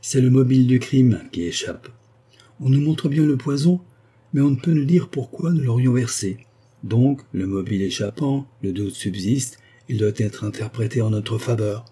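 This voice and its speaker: A man's voice: medium pitch, expressive, moderate pace, mellow, breathy edge, voice pushed up. A man reading the lines of an earnest young lawyer who speaks urgently and insistently. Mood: grave. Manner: urgent, pleading.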